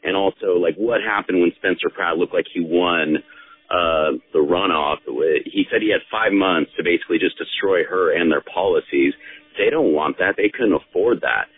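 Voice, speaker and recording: Man, American caller, low husky voice, irritated and insistent, opinionated, narrow phone sound. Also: normal speed. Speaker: radio call-in listener. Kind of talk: opinionated political talk. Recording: tinny phone line.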